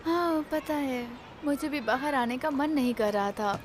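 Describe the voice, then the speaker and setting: A woman's voice: high voice, a little slow, background noise. A young woman voicing an indignant, scolding studio manager in a drama dub. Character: sharp-tongued young woman manager, protective.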